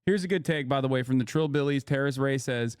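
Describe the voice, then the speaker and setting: A man's voice: medium pitch, fast, smooth, no echo, clean studio sound. A man hosting a live stream, ranting to his chat in a profane, emphatic way. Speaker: streamer host reacting to news. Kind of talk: casual live-stream commentary.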